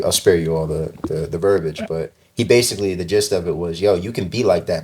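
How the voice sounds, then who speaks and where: A man with a low, deep voice, a fashion designer guest who grew up in the UK. He tells his stories in relaxed, casual interview chat. He leans on "like" and "you know" as fillers and laughs easily. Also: husky. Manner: relaxed storytelling, many "like" fillers, laughs often.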